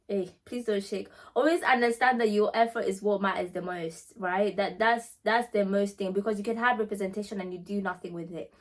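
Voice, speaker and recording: Chatty, emphatic woman talking to viewers. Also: mid-range voice. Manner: emphatic, repeats phrases for stress; conversational, addresses listeners directly. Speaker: pageant winner and vlog host answering questions. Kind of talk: casual chatty Q&A talk to viewers.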